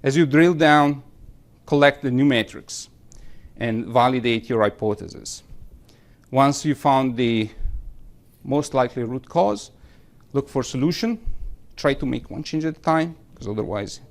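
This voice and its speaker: Gravelly man recapping a tech talk. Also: medium pitch, measured pace. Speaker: presenter. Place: conference room.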